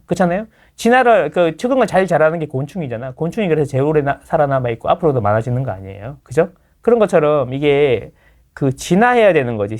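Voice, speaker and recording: A man who is a real estate lecturer, talking as a guest in a casual interview, lecturing with playful impressions of others and quick tag questions. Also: on the high side. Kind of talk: casual talk-show interview.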